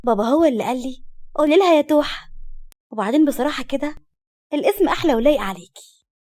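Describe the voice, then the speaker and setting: A woman voicing a playful young daughter with an Egyptian accent, who speaks in a bright, coaxing way. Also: sits high, animated, fast, voice pushed up. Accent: Egyptian Arabic.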